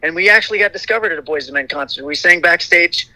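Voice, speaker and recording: Speaking quickly as a casual interview guest, a middle-aged singer from a vocal group rambles, restarting often and leaning on "you know." His voice is high, very bright, cutting and consistently light, captured in a rough, dry, close recording without room sound.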